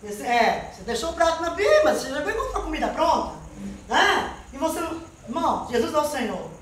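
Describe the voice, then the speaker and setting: Speaking fairly quickly with big pitch swings, a high-voiced woman offers an earnest testimony before a church congregation, repeatedly calling on the Lord and the brethren. A little hiss or hum runs under the far-off mic in the very echoey church hall.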